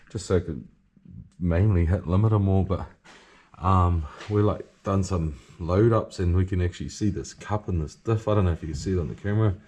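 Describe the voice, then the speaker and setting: A man's voice: low-pitched, darkish tone. A man with a broad New Zealand accent giving a casual, slangy, sweary video diary in a laid-back way. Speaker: vlogger and drift car driver.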